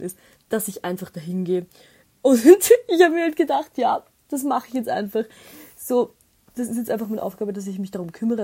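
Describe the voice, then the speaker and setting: A woman's voice: medium pitch, dark tone, slightly rough. A young woman chatting casually as a podcast host, rambling through a story with many fillers.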